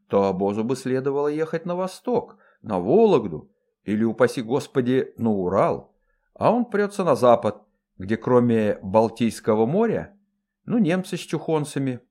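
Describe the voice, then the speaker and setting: A man narrating a historical novel in a lively, folksy storytelling manner. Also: medium pitch.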